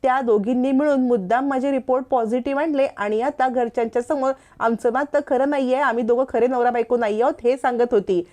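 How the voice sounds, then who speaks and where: A woman's voice: high voice, steady tone, brisk, hardly any pauses, warm tone, close to an everyday voice. A woman voicing an earnest young wife who pleads and explains to her angry sister. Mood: pleading.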